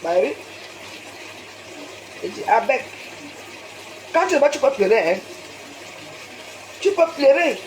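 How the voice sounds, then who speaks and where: A woman's voice: high voice, big pitch swings, takes it slowly, long pauses. A woman with a Cameroonian French accent ranting on a live stream, lecturing her viewers with rhetorical questions and a tagged "hein?". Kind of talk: scolding live-stream rant. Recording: roomy echo, faint noise.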